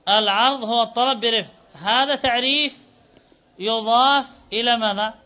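High-voiced male grammar teacher. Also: moderate pace, bright, forceful tone. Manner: quizzes students and repeats answers. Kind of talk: Arabic grammar lesson. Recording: dull lo-fi recording.

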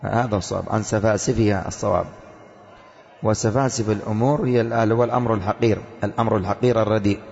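A man teaching a religious creed text to students, reading passages slowly and then explaining them, asking rhetorical questions and answering them himself. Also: lowish voice, fairly even intonation, gravelly, darkish tone. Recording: lo-fi with long reverb in a hall.

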